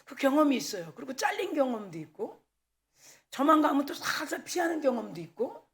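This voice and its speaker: A woman pastor preaching a sermon at a church service, telling candid personal stories in a lively way and acting out the dialogue. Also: high voice, fairly quick. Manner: candid, animated storytelling with acted-out dialogue.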